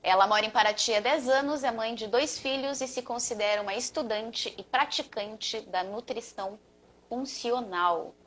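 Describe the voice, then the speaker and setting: Bright-voiced woman hosting a live show. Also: a little high, normal speed, rough recording. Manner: welcoming, presenting guests. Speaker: therapist and live-show host. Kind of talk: live video interview.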